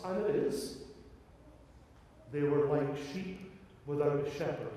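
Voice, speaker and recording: A man preaching a homily in an emphatic, rhetorical way, with deliberate pauses and repeated phrases. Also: a little high, warm tone. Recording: echoey hall, distant microphone.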